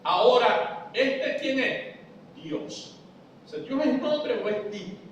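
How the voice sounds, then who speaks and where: A high-pitched man speaks slowly from far off in a church hall full of echo. He explains step by step like a teacher and keeps asking the congregation whether they understand. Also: very animated, lo-fi sound, a little hiss or hum. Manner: explains step by step, asks the audience if they follow. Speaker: preacher teaching a Bible study. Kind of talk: church Bible study lesson. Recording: echoey church hall, voice from afar.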